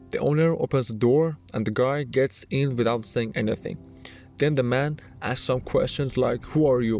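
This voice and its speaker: A man delivers scripted narration in the manner of an online countdown video. His voice sits at a middling pitch, with music playing underneath. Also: a little mellow. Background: background music.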